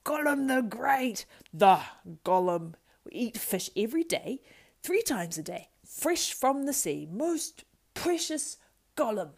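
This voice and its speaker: Reading a storybook aloud, a woman with a slightly mellow voice gives a full character performance as a wretched, greedy male creature. He argues with himself in hissing whispers and high whines, an audiobook-style character voice.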